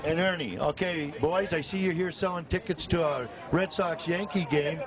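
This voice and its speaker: A man doing upbeat street interviews for community TV, warmly encouraging the children he talks to. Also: fairly high pitch, normal speed. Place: busy outdoor street event. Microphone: recorder set on the ground. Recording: loud crowd chatter outdoors. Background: loud crowd and passing traffic.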